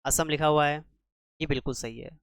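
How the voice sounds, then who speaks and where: A man's voice: on the high side, steady tone, normal speed, a bit bright, clean tone, no echo, studio quality. A man teaching a spelling lesson for exam preparation, quizzing the class with rhetorical questions and repeating each answer. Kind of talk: exam-prep grammar lesson.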